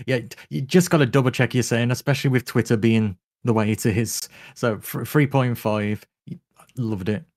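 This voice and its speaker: A man's voice: mid-range voice, normal speed, a little mellow, no echo, studio quality. Laid-back man judging on a stream. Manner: laid-back, casual swearing. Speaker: judge. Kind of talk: casual livestream chat.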